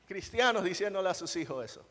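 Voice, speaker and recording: A man's voice: high voice, lively intonation, fast talker, sharp tone. Man preaching in a reverberant church. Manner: rhetorical questions to the congregation, emphatic. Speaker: pastor. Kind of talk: sermon. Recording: long church hall reverb.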